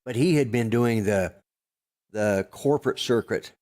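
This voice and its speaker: An older man co-hosting a podcast, chatting casually in a gruff, rambling way with lots of fillers and restarts. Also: mid-range voice, unhurried, a little mellow. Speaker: podcast co-host. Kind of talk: casual chat.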